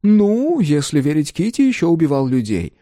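A man's voice: fairly high pitch, huge pitch swings, moderate pace, mellow, no room sound, clean studio sound, voice pushed up. A man doing an indignant book-club woman. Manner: complaining and insistent.

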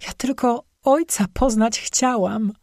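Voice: medium pitch, normal speed, a little mellow, no echo, lightly acted. An audiobook narrator voicing a young cursed strzyga woman who confesses bitterly through tears, recorded dry and close. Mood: tearful. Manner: bitter, tearful confession with sobbing.

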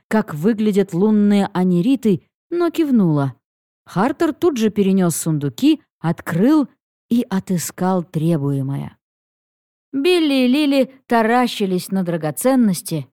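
Casting: woman narrator, first-person fantasy, animated pitch, dry close-mic sound. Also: no room sound. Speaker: audiobook narrator.

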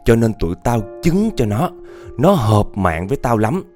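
A man's voice: medium pitch, sing-song, moderate pace, darkish tone, soft background music, lightly acted. A man voicing an ancient vengeful old male ghost with a Northern Vietnamese accent, menacing and set on taking a victim.

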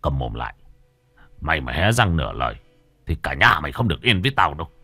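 A man's voice: very deep voice, sing-song, fast talker, bright, forceful tone, no echo, voice pushed down, heavily acted. A man voicing a harsh, domineering old village patriarch who issues threats in a ghost story. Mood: menacing. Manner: gruff, threatening commands.

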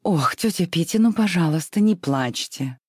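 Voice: medium pitch, expressive, moderate pace, husky, no echo, clean studio sound, pitched above the performer's own voice. A reader voicing a spoiled, willful young widow who pleads and flares up petulantly. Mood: whining. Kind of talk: audiobook reading.

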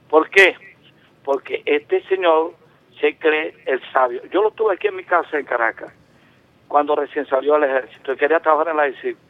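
With no room sound around him, a slightly high-voiced man in his seventies from Venezuela rings a call-in radio show. The telephone line sounds tinny as he talks on at length, emphatic and frequently restarting.

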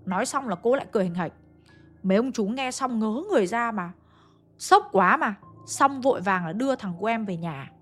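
Woman telling a spooky story, talks right to listeners, bit high voice, soft music behind. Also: expressive, brisk. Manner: chatty, addressing listeners directly. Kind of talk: ghost story narration to listeners.

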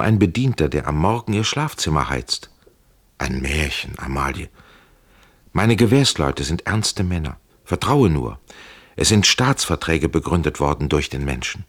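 A man playing an ardent, defiant captive officer in an audiobook, earnest and quietly passionate. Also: extremely low pitch, full character voice.

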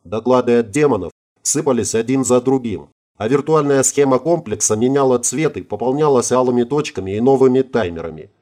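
A man reads scripted audiobook narration at a steady, even pace. His voice sits at an ordinary middle pitch for a man, with a calm, measured delivery.

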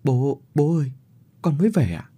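A man's voice: on the high side, big pitch swings, moderate pace, warm tone, slightly rough, voice pushed up. A man voicing a humble young mother who pleads with her parents in a deferential way. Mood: pleading.

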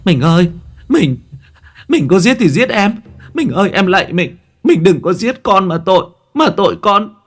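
A man's voice: sing-song, moderate pace, soft background music, exaggerated voice. A man putting on a wailing, terrified mother. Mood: desperate pleading. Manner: high wailing plea. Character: terrified woman pleading for her child.

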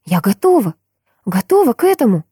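A woman's voice: mid-range voice, fast, dark tone, no echo, clean studio sound, voice pushed up, close to an everyday voice. A woman voicing a passionate young woman who pleads and argues in a raised, trembling voice. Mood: desperate. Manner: raised, trembling pleas and angry outbursts.

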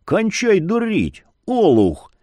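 A man voicing the ghost of a brash young man who taunts his friend in a higher, slowed voice. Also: huge pitch swings, no room sound. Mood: yelling. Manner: taunting, drawn-out, higher than the narration.

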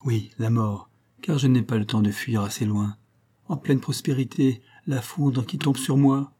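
A man's voice: mid-range voice, fairly even intonation, a little slow, warm tone, husky. A man voicing a terrified servile minister. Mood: despairing. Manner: fearful, muttering.

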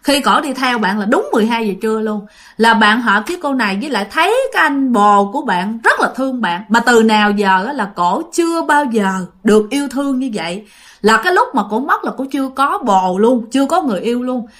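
A woman tells a ghost story, chatty and informal. She keeps turning to her listeners as she goes. Her voice sits a little high. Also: lively intonation, a little fast, fairly bright tone.

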